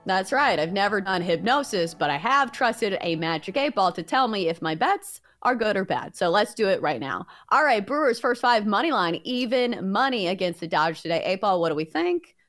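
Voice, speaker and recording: A woman's voice: medium pitch, expressive, moderate pace, few pauses, fairly bright tone. A woman co-hosting a sports betting show, giving picks in a confident, playful, conversational way. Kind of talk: casual betting tips and banter.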